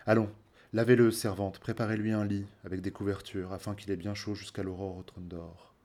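A man voicing a wise, sorrowful noble queen in a soft, dignified way. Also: lowish voice, little pitch movement, brisk, lightly acted. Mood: commanding.

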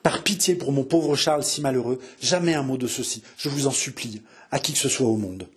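A man voicing a gentle young woman who soothes and pleads softly. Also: mid-range voice, brisk, breathy edge. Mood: pleading. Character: Marie Touchet, young woman, tender, soothing mistress.

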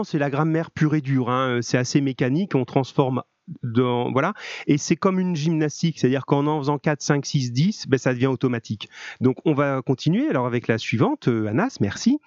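A man's voice: a little high, lively intonation, a little fast, a little mellow, no echo, lo-fi sound. A man teaching a live online grammar class, encouraging and chatty with many fillers, heard over a video call.

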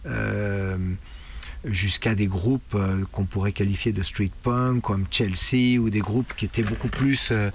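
Reminiscing haltingly for a documentary, a middle-aged French punk musician keeps searching for words and repeating himself. He speaks in a steady tone at a fairly low pitch, against a noisy background with loud music.

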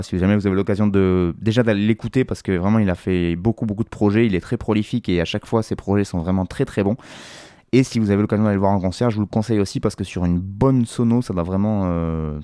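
A man's voice: lowish voice, warm tone, clear, resonant tone, dry recording, clean studio sound. A man hosting a music show, reviewing an album in a casual, hesitant way with many fillers and restarts.

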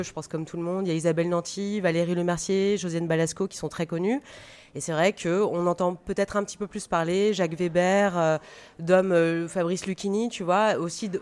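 A woman's voice: lowish voice, a little mellow. A woman speaking conversationally as a radio panel guest, often searching for her words. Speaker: guest, stage director and drama teacher.

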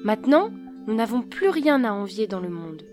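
A woman voicing a quick-tempered wife in her seventies, speaking with indignant exclamations. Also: mid-range voice, very animated, over music, lightly acted. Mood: delighted.

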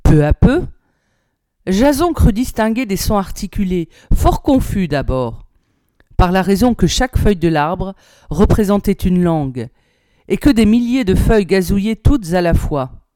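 A woman reading an old storybook aloud in a measured, expressive way. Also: mid-range voice, no echo, clean studio sound. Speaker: narrator, reader.

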